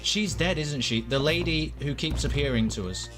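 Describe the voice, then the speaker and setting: A man's voice: fairly high pitch, normal speed. A man giving casual gameplay commentary, thinking aloud in a puzzled way. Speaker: video game player commentating. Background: game music.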